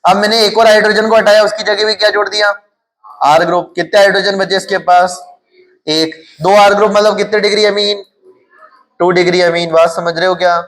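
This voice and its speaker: A man's voice: high voice, flat delivery, a little fast, fairly bright tone. A male chemistry teacher with a Hindi accent lecturing his class. He keeps asking questions and answers them himself, repeating the key terms.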